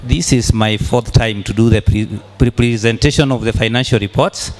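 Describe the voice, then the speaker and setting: A man giving a formal financial report at a meeting as treasurer, deliberate and halting, repeating phrases as he goes. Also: medium pitch, darkish tone, a little hiss or hum. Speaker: club treasurer presenting annual accounts.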